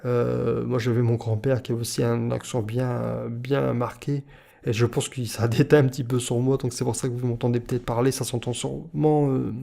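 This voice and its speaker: Man with a northern French accent, gravelly. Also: medium pitch, level tone, moderate pace, dark tone. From northern France. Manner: rambling, hesitant, many fillers and restarts. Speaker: YouTuber. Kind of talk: casual self-help monologue.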